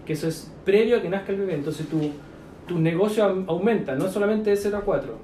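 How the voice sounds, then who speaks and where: A man's voice: high-pitched, fast, dark tone, a little hiss or hum. A man with a Chilean accent, mentoring entrepreneurs in a casual chat full of slang, fillers and coaching asides. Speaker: business mentor. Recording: echoey room.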